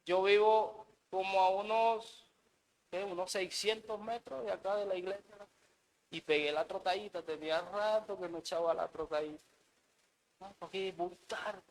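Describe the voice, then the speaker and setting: A man's voice: high voice, steady tone, moderate pace, slight background noise, poor audio. A married man preaching a sermon in an earnest way, often repeating words and saying amen. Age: adult, married.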